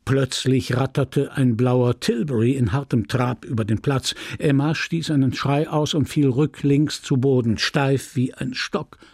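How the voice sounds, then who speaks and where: A man reading a classic novel aloud as an audiobook, with dramatic, measured storytelling on a close studio mic. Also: mid-range voice, steady tone, darkish tone, dry recording. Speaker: audiobook reader. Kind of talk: literary audiobook narration.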